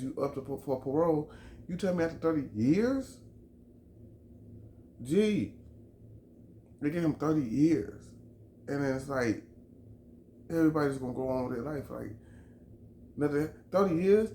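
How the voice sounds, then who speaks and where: Man, mid-pitched, fired-up vlog rant, swears and repeats points, echoey room with light background hum. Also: warm tone. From Chicago. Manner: heated, emphatic, profane, repeats himself. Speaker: vlogger. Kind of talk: opinion rant to camera. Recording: roomy echo, faint background ambience.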